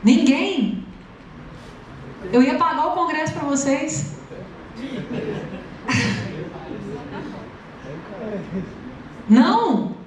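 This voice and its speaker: A high-voiced woman preaches to a congregation, telling her story with lively humor. Her voice rings through a very echoey church hall. She is picked up from well back from the microphone. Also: drawn-out words, pauses often, crowd noise. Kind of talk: sermon with personal testimony. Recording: echoey hall, distant mic.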